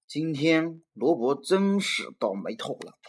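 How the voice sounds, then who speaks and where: Slow, animated storyteller. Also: medium pitch, husky. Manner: animated, acting out the characters' lines. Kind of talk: reading a children's picture book aloud.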